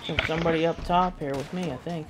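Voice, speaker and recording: Woman, deep for her sex, casual gaming chat, dry teasing, noisy recording. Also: steady tone, quick pace. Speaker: gaming channel host. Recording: noisy game audio under voice chat.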